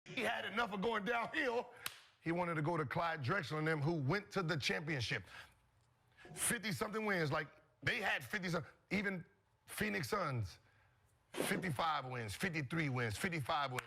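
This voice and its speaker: A man with a raspy voice on a sports talk panel, animated, swearing and incredulous. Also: on the high side, moderate pace, slight background noise.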